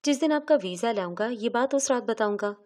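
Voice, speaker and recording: A woman reading the part of a young brother-in-law in a storybook tale, whining and coaxing, then sly and bargaining. The voice stays fairly high and light. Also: lively intonation, a little mellow, lightly acted.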